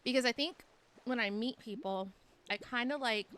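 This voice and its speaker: A woman's voice: a little high, normal speed, fairly bright tone, clean tone. A young woman with a light Texan accent, chatting casually and rambling with her livestream viewers. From Texas. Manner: rambling, chatty, lots of "like" fillers. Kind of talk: casual chat with stream viewers.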